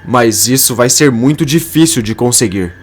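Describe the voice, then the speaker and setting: A man voicing a calm, supportive young man in a narrated soap opera summary. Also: mid-range voice, normal speed, a little hiss or hum, natural voice.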